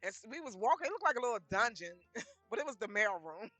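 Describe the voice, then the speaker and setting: A middle-aged woman from the DC tells her life story in a loose, chatty way, with a bright edge to her voice. She talks, and the dry, close sound has faint music behind it. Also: a little high, fast, dry recording. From Washington DC area. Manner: lively, chatty retelling of conversations with frequent laughs. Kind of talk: casual storytelling.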